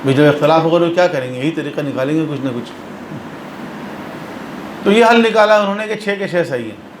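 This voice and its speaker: A man teaches a religious lesson with a fairly high voice. He explains step by step and repeats phrases for emphasis. The recording is roomy and echoey, with a faint hum behind him. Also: animated. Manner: explanatory, mixes English terms into speech. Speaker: religious lecturer.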